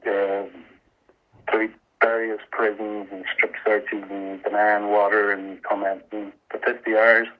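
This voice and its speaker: A man's voice: lowish voice, flat delivery. Earnest man. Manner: earnest, halting, emotional. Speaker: interview guest, activist volunteer. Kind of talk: radio interview, personal account. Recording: muffled, band-limited radio interview sound.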